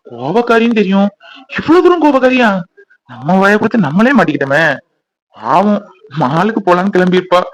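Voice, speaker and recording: A man's voice: high-pitched, a bit bright, exaggerated voice, low-quality recording. A man voicing a teasing young husband in a cartoon, pleading and joking with his wife. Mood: musing. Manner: pleading, jokey.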